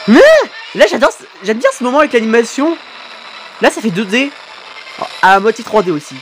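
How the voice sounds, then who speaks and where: A woman hosting a reaction video, excitedly cheering, swearing at the screen and turning hushed when moved. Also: on the high side, a little fast, a little hiss or hum. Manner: turns hushed and emotional at sad moments. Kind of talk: live reaction commentary.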